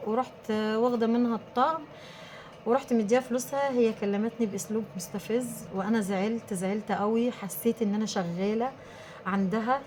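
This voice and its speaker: Fast-talking Egyptian woman giving advice. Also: a little high, slight background noise. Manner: emphatic, animated storytelling. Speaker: small business owner. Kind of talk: casual advice to viewers.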